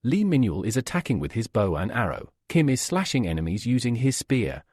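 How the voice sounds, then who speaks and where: A man narrating a comic recap in an animated storytelling manner. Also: medium pitch, fairly quick, breathy edge, dry recording, clean studio sound. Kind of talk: scripted narration.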